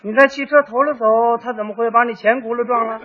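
A man playing a stern traffic policeman who keeps his questions low and probing. His voice is husky and high, and the old lo-fi recording sounds dull. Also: steady tone, fast.

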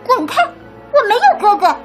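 Woman voicing a shrill little gourd boy. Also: animated, a little fast, fairly bright tone, soft background music. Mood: hostile. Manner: shrill crying out.

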